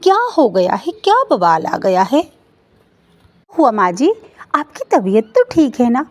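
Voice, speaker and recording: A woman's voice: sing-song, measured pace, a little mellow. A meek young daughter-in-law pleads in a noticeably raised voice, as a woman puts her on. She sounds timid and polite throughout in a storybook cartoon. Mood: pleading. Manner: pleading, high-pitched.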